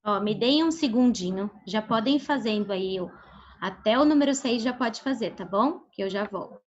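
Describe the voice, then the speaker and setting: A woman teaching a primary school class online with a Brazilian Portuguese accent. She speaks patiently, checks in with the class often, and stretches out syllables slowly when modeling words. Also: a little high, expressive. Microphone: video call. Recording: dull lo-fi video call audio.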